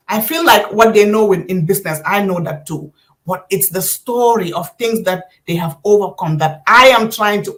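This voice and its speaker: A woman business coach with a mid-range voice teaches a live online class, speaking conversationally, addressing listeners directly and giving step-by-step instructions.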